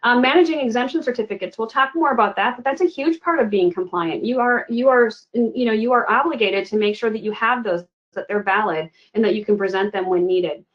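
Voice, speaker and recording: A woman's voice: fairly high pitch, a little fast. Lady doing a work webinar, chatty, lots of um and you know, kinda muffled sound. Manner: conversational, fillers like "you know" and "um". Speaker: webinar presenter. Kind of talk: webinar presentation.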